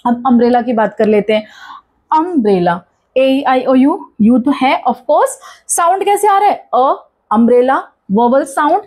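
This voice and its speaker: Brief: high-pitched Indian woman, grammar teacher, asks and answers her own questions, drills the rules, mixes in English terms. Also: darkish tone. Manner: asks questions and answers them herself, repeats key points. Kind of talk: classroom-style grammar lesson.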